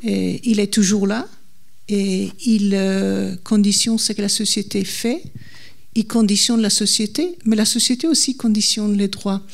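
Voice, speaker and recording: A woman's voice: mid-range voice, gravelly. A woman speaking French as a second language with a foreign accent, giving a public talk and searching for her words. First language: not French. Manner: halting, searching for words in non-native French. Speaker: guest speaker, legal historian. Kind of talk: public lecture in answer to a question.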